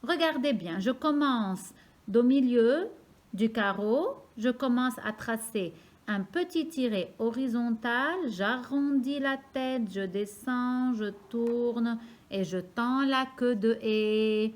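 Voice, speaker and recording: Woman teacher for a children's lesson, slightly high voice, very slow and deliberate, repeats everything. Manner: slow, clear, repeats each word for pupils to follow. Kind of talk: slow, careful classroom lesson for young children.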